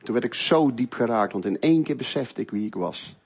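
Middle-aged guy, husky voice, earnest faith testimony, goes loud then hushed. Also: mid-range voice, expressive, fairly quick. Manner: earnest, swings between loud and quiet, hushed. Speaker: speaker giving a faith testimony. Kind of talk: emotional personal testimony.

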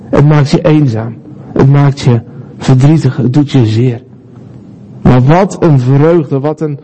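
Male preacher, high but warm voice, earnest sermon delivery. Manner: earnest, emphatic repetition, rhetorical questions.

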